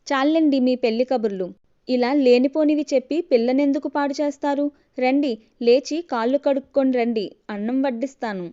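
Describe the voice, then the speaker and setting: A naive young wife hooked on TV dramas, sulky and theatrical, snapping and lamenting in turns, played by a woman storyteller. Her voice is warm and mellow, a bit high, in a dull lo-fi audio story. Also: moderate pace, lightly acted. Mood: irritated. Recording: dull lo-fi recording.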